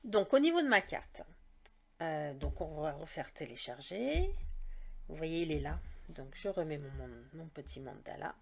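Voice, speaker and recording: A woman's voice: low-pitched, big pitch swings, measured pace, vocal fry. A woman hosting a casual step-by-step craft tutorial, chatty and explaining each click as she goes. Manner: chatty, leans on "donc" and "d'accord?".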